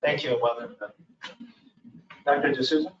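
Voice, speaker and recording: A man chairing a public commission meeting, reading procedural items and pausing often on "uh". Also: mid-range voice, fairly even intonation, a little hiss or hum. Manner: procedural, with frequent "uh" pauses. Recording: echoey room, mic far off, dull sound.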